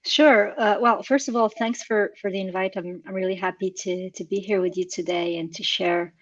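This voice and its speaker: A woman's voice: medium pitch, steady tone, moderate pace, no echo. A woman from Morocco answers interview questions over a video call. The audio is dull and dry, with no room sound. She is friendly, laughs easily, and stumbles over repeated words as she gathers her thoughts. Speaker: guest.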